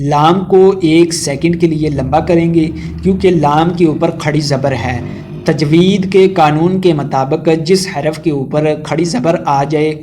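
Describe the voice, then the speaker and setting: A man with a Pakistani Urdu accent teaching Quran recitation step by step, spelling out letters and chanting verses slowly between quick explanations. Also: fairly high pitch, dark tone.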